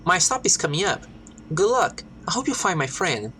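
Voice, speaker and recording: A woman's voice: lowish voice, big pitch swings, moderate pace, a bit bright, a little hiss or hum. A woman reading out the lines of a worried robot commuter on a train, in a plain reading voice. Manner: plain reading of game dialogue.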